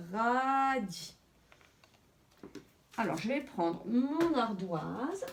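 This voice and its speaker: A woman teacher with a French accent, giving a slow phonics lesson and carefully sounding out letters and syllables. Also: on the high side, creaky, mellow, far from the mic, a little hiss or hum. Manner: slow, deliberate, spelling out sounds.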